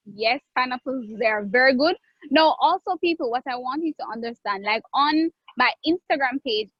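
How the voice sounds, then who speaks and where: A Jamaican woman, the guest chef in a live online cooking class, answers viewer questions in a chatty way, drawing out phrases and restarting. Her voice sits high, and the audio is dull with no echo.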